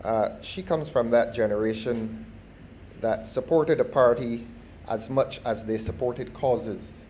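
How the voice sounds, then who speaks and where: A man's voice: medium pitch, warm tone, a little hiss or hum. Formal Barbadian man addressing parliament. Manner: measured and formal, with repeated false starts. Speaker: member of parliament.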